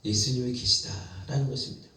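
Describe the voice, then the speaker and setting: A man's voice: mid-range voice, steady tone, fairly quick, pushed and bright, echoey room, recorded from a distance, rough recording. A male pastor preaching a Sunday sermon, retelling a story vividly and repeating phrases for emphasis. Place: church sanctuary.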